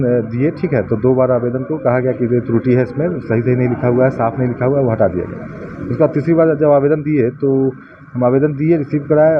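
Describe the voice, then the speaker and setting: Man giving halting testimony. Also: mid-range voice, muffled recording, background noise. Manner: halting, recounting, frequent fillers. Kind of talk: interview testimony.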